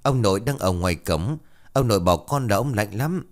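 A man's voice: mid-range voice, a little fast, darkish tone, voice pushed up, natural voice. A man voicing a small frightened boy who cries and whimpers. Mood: crying. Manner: sobbing, whimpering.

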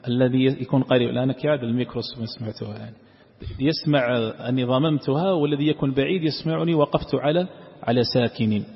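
A man gives a patient, step-by-step lesson, slowing down to chant verses as examples. His voice sits at an ordinary middle pitch. The recording is dull and lo-fi, with long reverb from a large hall. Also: vocal fry. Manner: explains slowly, demonstrating verses in chanted recitation. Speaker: sheikh teaching Quran sciences. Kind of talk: classroom lesson explaining recitation rules.

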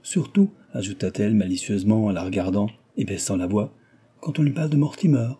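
A man reading an audiobook voices a giddy, mocking young noblewoman who gossips in a lively, teasing way. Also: lowish voice, fairly quick, husky. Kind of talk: audiobook reading of a classic novel.

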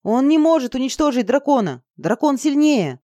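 A reader voicing Sasha, a brash, excitable young man who shouts his lines in an audiobook. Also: very high-pitched, no echo, voice pushed up. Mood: shouting. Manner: shouting, rapid exclamations.

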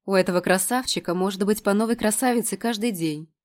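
A woman's voice: mid-range voice, fast, lightly acted. A woman reading an audiobook who voices a skeptical, sarcastic young woman, close to her own voice. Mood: dry. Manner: dry and sarcastic.

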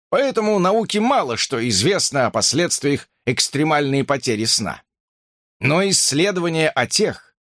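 A man narrating an audiobook in an expressive storytelling read. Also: on the high side, no room sound, studio quality. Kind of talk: scripted narration.

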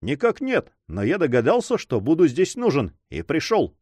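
A man's voice: a little high, wildly swooping pitch, normal speed, a little mellow, slightly rough, no room sound, heavily acted. A man voicing a simple, loyal male servant who answers plainly in a story. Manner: plain, matter-of-fact.

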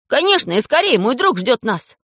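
A woman doing an eager high-voiced boy. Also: very animated, moderate pace, a bit bright, husky, dry recording, studio quality, heavily acted. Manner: eager, exclaiming, questioning. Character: eager excitable young boy space traveller.

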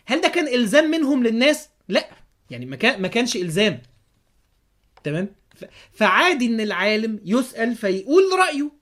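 A man's voice: extremely high pitch, very animated, fast talker, fairly bright tone. A man with an Egyptian Arabic accent hosting a podcast, giving a religious commentary monologue full of sarcastic rhetorical questions. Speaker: podcast host.

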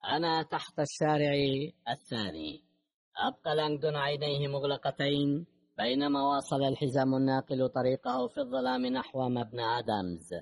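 A man narrating an audiobook novel in a steady, measured reading voice. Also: on the high side, gravelly, no room sound. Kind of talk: scripted narration.

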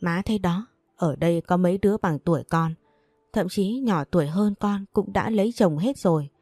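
A woman voicing a young daughter who calmly and firmly persuades her mother. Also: on the low side, moderate pace, no echo, soft background music. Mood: persuasive. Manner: calm, firm, persuasive. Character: young daughter, resolute and self-sacrificing.

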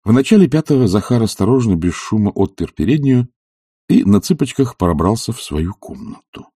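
A man reading an audiobook in a measured, expressive narration. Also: fairly low pitch, slightly rough, no room sound, studio quality. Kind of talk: scripted narration.

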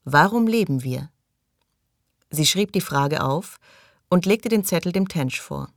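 A woman narrating a novel as an audiobook in a steady, even reading style. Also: on the low side, unhurried, creaky, dry recording, studio quality. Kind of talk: scripted narration.

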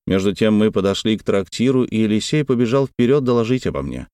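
A man narrating a classic story in a measured, literary reading. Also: on the low side, lively intonation, warm tone, clear, resonant tone, no echo, clean studio sound. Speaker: audiobook reader. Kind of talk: scripted narration.

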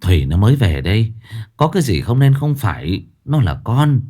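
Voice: mid-range voice, big pitch swings, normal speed, dark tone, slightly rough. A storyteller voicing a meek young husband who hesitates and stammers as he placates his mother and wife. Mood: pleading.

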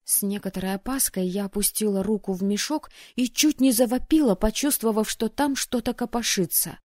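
A woman narrating a fantasy audiobook in the first person, telling it in a lively, expressive way. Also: medium pitch, fairly quick, no echo, clean studio sound. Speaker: audiobook reader.

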